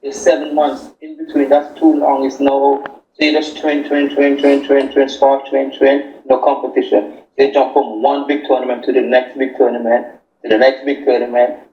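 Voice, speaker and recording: A man's voice: mid-range voice, level tone, moderate pace, mellow. A man, a boxer answering interview questions over a conference call. He speaks plainly and directly, and repeats words for emphasis. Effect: remote voice over an online conference call. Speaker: boxer, guest. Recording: lo-fi echoey call audio, faint hiss.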